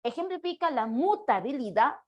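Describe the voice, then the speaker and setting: A woman's voice: sits high, big pitch swings, moderate pace, muffled recording. A woman language teacher going over quiz answers with her class, explaining each one patiently and often checking in with short questions to the students.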